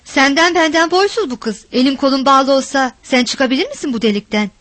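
A woman voicing a rough, quick-tempered village husband who curses and defends himself, read aloud from a storybook. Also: high voice, expressive, fairly bright tone, no echo. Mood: angry. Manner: gruff, cursing, defensive. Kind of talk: storybook reading.

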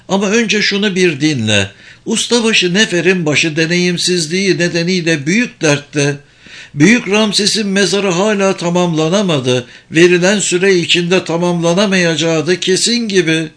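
A man's voice: high voice, lively intonation, moderate pace, a bit bright, voice pushed up. A man putting on a silky, scheming woman. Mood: honeyed scheming.

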